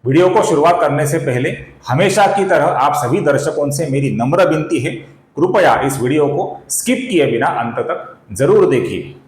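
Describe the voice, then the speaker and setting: A man teaching the correct pronunciation of chanted verses, explaining step by step and chanting the lines slowly. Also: fairly high pitch, lively intonation, echoey room. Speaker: Sanskrit recitation teacher. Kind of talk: slow spoken tutorial with chanted verses.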